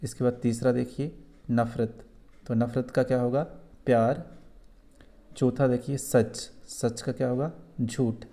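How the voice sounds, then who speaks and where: A man's voice: mid-range voice, flat delivery, warm tone. Patient Kashmiri man teaching schoolchildren. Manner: patient, repeats points slowly for children. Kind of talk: explaining a school lesson.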